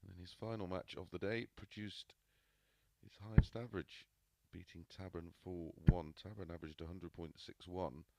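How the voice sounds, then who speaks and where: A man giving understated, analytical darts commentary, with low-key remarks on form and statistics. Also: fairly even intonation, moderate pace, creaky, very noisy.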